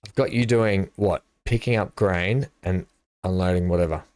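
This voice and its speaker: A man's voice: low-pitched, moderate pace, a little mellow, no room sound. A middle-aged man, chatting and thinking aloud while he streams a building game live. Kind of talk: live gameplay commentary.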